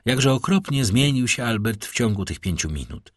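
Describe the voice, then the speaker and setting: Man, audiobook narrator, expressive reading, husky voice, dry close mic. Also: mid-range voice, normal speed, no room sound. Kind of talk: scripted narration.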